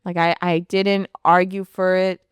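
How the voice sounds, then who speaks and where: A woman's voice: on the low side, level tone, a little slow, smooth, dry recording. A woman telling her personal faith testimony in an earnest, storytelling way, often saying "like". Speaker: podcast guest sharing testimony.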